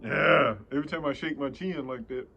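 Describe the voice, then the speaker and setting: A man's voice: fairly high pitch, creaky, bright, forceful tone, breathy edge. An older man telling rambling stories in a casual vlog, chuckling often and slipping into folksy preaching. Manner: chuckling, rambling with many fillers and restarts; slow folksy preaching with scripture. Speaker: vlogger.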